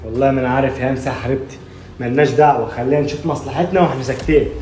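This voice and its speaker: A young man with an Egyptian accent playing a gentle, worried father in a family skit, talking softly and apologetically. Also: mid-range voice, steady tone, racing, natural voice. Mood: calm. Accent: Egyptian Arabic. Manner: soft, apologetic and reassuring. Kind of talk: amateur family skit acting. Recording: music playing behind.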